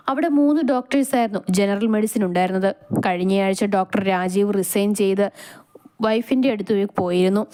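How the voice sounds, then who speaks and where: A woman narrating a romantic short story in a steady, expressive reading. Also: medium pitch, low-quality recording.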